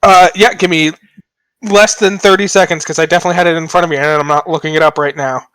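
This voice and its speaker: A young man hosting a podcast with a slightly high voice, rambling through jokes at his own expense. The sound is dry and close, with no room around it. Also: steady tone, fast, fairly bright tone, clean tone, no echo. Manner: joking, rambling, self-deprecating. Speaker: podcast host. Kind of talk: casual podcast banter.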